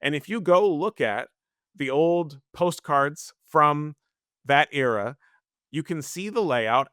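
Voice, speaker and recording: A man co-hosting a book-club podcast, talking in a measured, explanatory way. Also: on the high side, bright, forceful tone, no room sound, clean studio sound. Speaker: podcast co-host.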